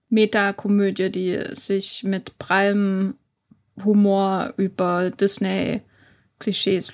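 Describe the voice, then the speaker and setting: A woman co-hosting a podcast, talking casually about a film with frequent fillers and restarts. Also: medium pitch. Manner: chatty, hesitant with fillers and restarts. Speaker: podcast co-host.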